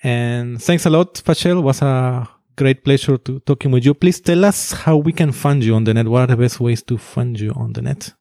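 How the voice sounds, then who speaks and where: Guy hosting a podcast, mellow voice, dry close sound, lots of uhs. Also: mid-range voice, no room sound. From Finland. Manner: halting, many fillers and restarts. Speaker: podcast host. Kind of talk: interview conversation.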